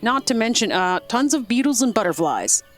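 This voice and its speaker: A woman voicing a brisk, no-nonsense mother in a game, with a scolding manner. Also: on the high side, very animated, faint music behind, voice pushed up.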